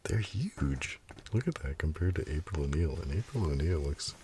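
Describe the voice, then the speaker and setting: A man talking in a soft, half-whispered ASMR style close to the mic, musing in relaxed asides as he pages through a comic. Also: a bass voice, moderate pace, noisy background. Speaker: ASMR creator. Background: pen and page sounds.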